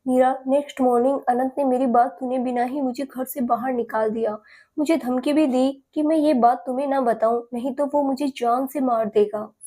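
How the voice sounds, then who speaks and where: A woman's voice: sits high, steady tone, normal speed, dark tone. A woman voicing a scheming young woman who pleads tearfully and feigns innocence in an audio story. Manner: whiny, tearful and sugary.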